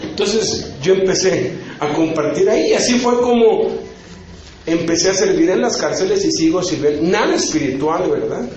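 A man in his fifties preaching at a conference, his voice sitting high for a man. He tells his story in a loose, chatty way, tossing in little tag questions. The hall rings with heavy echo and the sound is a bit dull. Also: animated, moderate pace, a little mellow. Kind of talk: conference sermon testimony.

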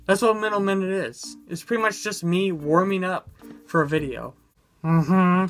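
A young adult man rambling casually in a vlog with a low-energy, goofy manner, recorded indoors close to the camera. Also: normal speed, fairly bright tone, soft background music. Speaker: YouTuber. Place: indoors in a room. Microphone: camera close in front of him.

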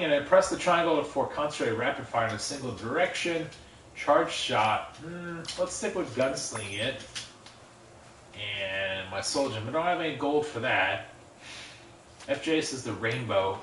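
A man's voice: mid-range voice, pushed and bright. A man giving casual gameplay commentary on a livestream, thinking aloud and reading chat messages. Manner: musing, reads chat aloud, laughs often. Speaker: livestream gamer. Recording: roomy room, distant mic, faint noise.

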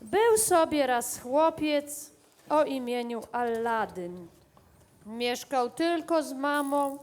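A woman narrates a children's play in a high voice. She tells the story slowly, in simple storytelling phrases.

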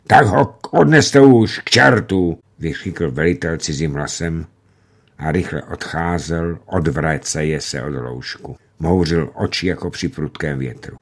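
A man narrating a novel in a measured, dramatic reading for radio. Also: deep voice, husky.

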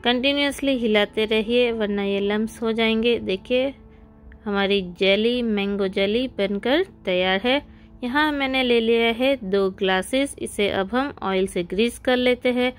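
A woman hosts a cooking video and narrates each recipe step in a friendly, guiding voice-over. Her voice sits fairly high. Faint background music plays under her. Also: unhurried, smooth. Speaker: cooking channel host.

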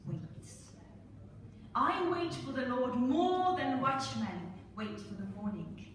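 A middle-aged woman from Estonia telling a gently humorous story to a congregation, speaking with pauses into a handheld mic. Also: fairly high pitch. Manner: slow, warm-humored, with pauses. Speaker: church speaker. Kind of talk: storytelling talk with slides. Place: church hall. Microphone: handheld mic, filmed from the congregation. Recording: echoey hall from far off, noisy.

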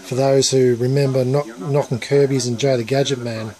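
An Australian man chatting casually and enthusiastically as a vlogger, with a halting delivery. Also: medium pitch, little pitch movement, mellow. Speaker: YouTube vlogger. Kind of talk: casual chat over footage being filmed. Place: dim cluttered room at home, indoors. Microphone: handheld camera, held by the speaker. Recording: TV chatter behind the voice. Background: television playing old tape.

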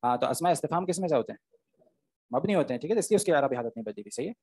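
A man's voice: on the high side, animated, very fast, dark tone, slightly rough. A man, teaching Arabic grammar in an online class, explaining step by step and often checking "okay?" with his students.

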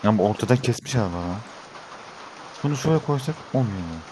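A man's voice: on the low side, expressive, fast, noisy background. A young Turkish man giving let's-play commentary, talking to his viewers and getting frustrated with the game. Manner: exasperated, talks to viewers as he plays. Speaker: gaming YouTuber.

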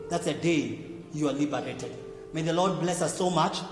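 Kenyan male pastor, high voice, forceful repetitive sermon, echoey hall with faint music behind. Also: normal speed. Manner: emphatic preaching with repetition, rising to shouts and dropping low.

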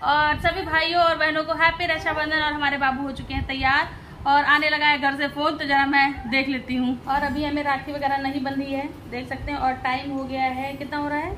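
A woman's voice: high voice, level tone, a little fast, bright, forceful tone, slight background noise. A woman from Lucknow chatting casually to camera in a family vlog, given to exasperated complaining. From Lucknow, India. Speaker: vlogger.

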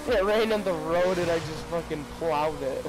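A young man chatting casually with friends while playing a racing game, excited and swearing casually. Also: fairly high pitch, moderate pace, poor audio. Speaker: gamer recording a party chat. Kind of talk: casual chat over game play. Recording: game music under the voice.

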